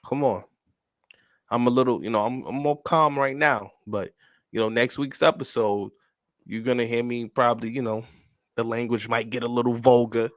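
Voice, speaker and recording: Recorded cleanly in a studio with no echo, a medium-pitched man with a New York accent co-hosts a casual sports podcast. He's emphatic and slangy, repeating filler phrases and often asking "you know what I'm saying."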